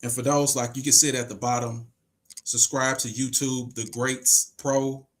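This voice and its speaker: A male podcast host in his 40s reads audience comments aloud during a casual livestream and argues his position emphatically, posing rhetorical questions. His mid-range voice moves little in pitch, and his speed is normal.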